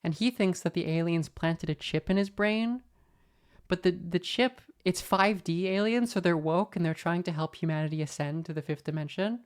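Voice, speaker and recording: A woman's voice: on the low side, moderate pace. A woman podcast host telling rambling, wry stories in casual chat, full of fillers and restarts. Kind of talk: casual anecdotal storytelling.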